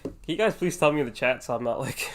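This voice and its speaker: A sick man, his voice lowered, chats casually and a bit self-consciously into a desk USB microphone at home while wearing headphones and setting up a game stream for a live audience. He talks fast and animatedly at medium pitch, with restarts and fillers, over slight background noise.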